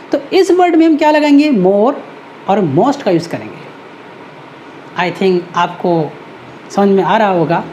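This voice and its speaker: A woman teaching grammar in a video lesson, patiently repeating each rule, asking questions and then answering them herself, and drawing out her example words slowly. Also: mid-range voice, mellow, a little hiss or hum.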